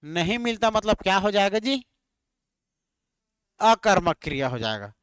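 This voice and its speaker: A man with a high, smooth voice teaches a grammar lesson for exam prep. He speaks slowly and keeps quizzing his students, repeating each word. The sound is close and dry. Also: sing-song, fairly bright tone, no echo. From Chhattisgarh, India. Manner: repetitive, quizzing students with questions.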